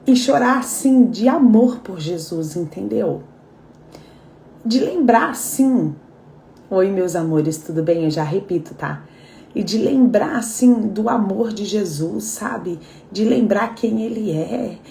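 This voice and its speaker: A woman's voice: medium pitch, lively intonation, takes it slowly, gravelly, warm tone. A woman with a Brazilian Portuguese accent, leading a live devotional in a heartfelt, chatty way and speaking straight to her listeners. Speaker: devotional leader. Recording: echoey room.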